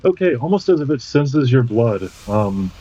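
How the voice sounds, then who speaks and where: A man narrating a tabletop game as game master in a casual, halting, descriptive way. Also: mid-range voice, very animated, dark tone, lo-fi sound.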